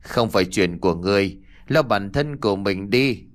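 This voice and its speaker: Man voicing a stern deity spirit, lowered voice, slow, haughty, storybook reading. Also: animated, natural voice. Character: aloof male deity spirit, stern and curt.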